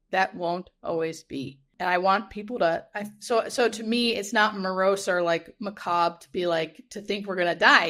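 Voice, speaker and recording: A woman's voice: medium pitch, fairly bright tone. A woman speaking as a hospice nurse in a conversational podcast interview, earnest and emphatic, repeating key phrases for weight.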